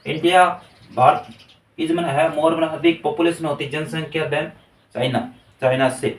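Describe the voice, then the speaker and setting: A man's voice: fairly high pitch, steady tone, moderate pace. A man teaching a grammar lesson to a class, explaining step by step and often checking with "okay". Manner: explains step by step, repeats "ठीक है". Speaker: English teacher. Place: classroom with students present. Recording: echoey room, voice from far off.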